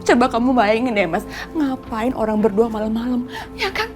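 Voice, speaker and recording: A woman's voice: a little high, expressive, moderate pace, over music, lightly acted. Woman playing a whiny scheming young schemer. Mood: whiny tearful. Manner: whiny, accusing, fake tearful. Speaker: actor in a TV soap. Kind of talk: TV soap acting.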